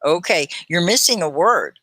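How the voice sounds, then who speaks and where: A woman teaching an English lesson on a livestream, reading aloud slowly and clearly and calling on chat viewers by name. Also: on the low side, animated, pushed and bright, no echo. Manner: slow, clear over-articulated reading aloud.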